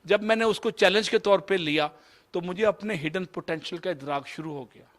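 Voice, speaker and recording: A man in his fifties from Pakistan with a Pakistani Urdu accent, telling a personal story in a motivational lecture and slipping English phrases into his Urdu. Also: sits high. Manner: mixes English phrases into Urdu, shifts between loud and soft. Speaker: motivational speaker.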